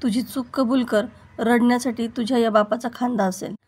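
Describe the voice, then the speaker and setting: A woman's voice: on the high side, steady tone, moderate pace, darkish tone, breathy edge. A woman reading the lines of a stern, protective middle-aged father, lecturing and pained. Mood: angry, pained.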